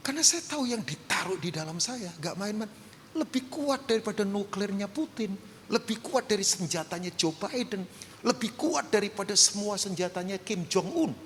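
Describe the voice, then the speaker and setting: A man in his fifties preaching a sermon, swinging between loud proclamations and soft storytelling. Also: high voice, expressive, moderate pace. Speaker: pastor. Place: large church hall. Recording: long church hall reverb, faint noise.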